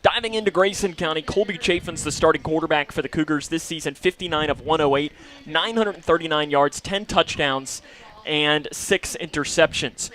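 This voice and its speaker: A man hosting a pregame high school football radio show, reeling off player stats and trading remarks with his co-host. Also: a bit bright. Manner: reads off stats quickly, banters with co-host. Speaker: radio play-by-play announcer.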